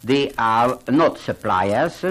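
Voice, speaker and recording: A man's voice: medium pitch, takes it slowly, low-quality recording. An older man from Hungary, speaking earnestly in as a gallery owner in a radio interview. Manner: animated, earnest, non-native phrasing. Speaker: art gallery owner and collector.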